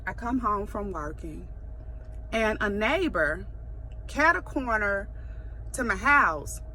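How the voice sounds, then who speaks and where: A woman's voice: medium pitch, expressive, slow pace, pushed and bright, a little hiss or hum, low-quality recording. A middle-aged woman on a frustrated, swearing tirade, venting casually and emphatically with free cussing. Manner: exasperated, cussing freely, emphatic. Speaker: resident venting to followers.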